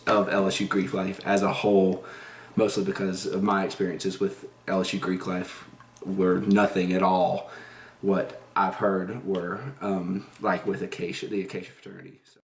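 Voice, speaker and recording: A young man in his twenties gives hesitant answers, often restarting his sentences. His voice is very deep and flat. He sounds distant, in an echoey room. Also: moderate pace, a little hiss or hum. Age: 20s. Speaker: student interviewee.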